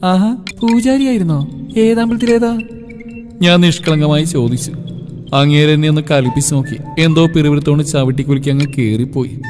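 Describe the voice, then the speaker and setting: A man reading a comic first-person story in a lively, playful way, in a long-reverb recording with faint music. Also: on the high side, fast talker.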